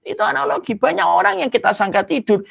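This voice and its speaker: With a gravelly, husky voice and a quick pace, a man preaches an Islamic sermon in a vivid, dramatic style. His pitch swoops animatedly, and he punctuates his points with dramatic sound words.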